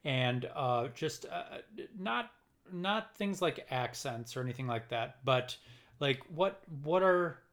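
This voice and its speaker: A man's voice: mid-range voice, expressive, a bit bright. Middle aged minnesota guy cohosting a podcast, lots of ums and restarts, easygoing chat. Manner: halting, many fillers and restarts. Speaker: podcast co-host. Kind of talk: casual chat.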